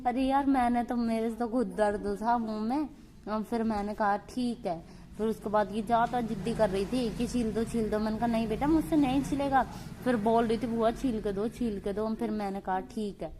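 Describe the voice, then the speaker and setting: A young woman with a slightly high voice tells a story in an easy, chatty vlog style. She recounts family back-and-forth as she walks outdoors on a farm path. Faint background noise sits under her voice. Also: moderate pace. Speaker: vlogger. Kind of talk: casual vlog narration.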